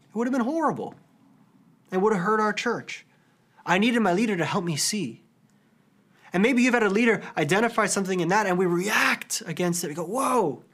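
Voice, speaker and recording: A man in his thirties preaches with an earnest, conversational warmth, slipping easily into personal stories with a few casual fillers. His voice sits a little higher than most men's. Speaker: pastor. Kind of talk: sermon.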